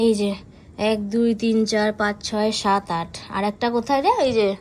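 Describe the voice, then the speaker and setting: A woman's voice: mid-range voice, moderate pace, slight background noise. A young woman vlogging in a casual, chatty way. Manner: lively and chatty, hushed late at night. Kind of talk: casual vlog chat.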